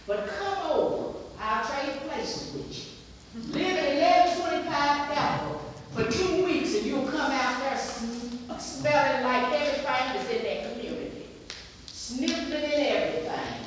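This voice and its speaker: A middle-aged woman with a West Virginia accent stands to give impassioned public comment at a hearing in a community center meeting room, emphatic and repetitive. Her high, animated voice keeps a measured pace. A camera across the room picks her up, so the sound is distant and echoey, with a slight hiss or hum.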